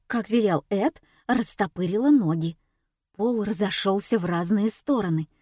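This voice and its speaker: Slow-reading woman narrator, dry sound. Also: mid-range voice, a little mellow, slightly rough, no echo. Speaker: audiobook narrator. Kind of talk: first-person story narration.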